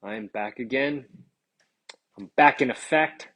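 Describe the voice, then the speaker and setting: Husky man rambling on a phone livestream. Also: mid-range voice, slow, fairly bright tone, rough recording. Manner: rambling, self-aware filler talk; upbeat and chatty with guest. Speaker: actor promoting his film on a livestream. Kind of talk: casual livestream chat.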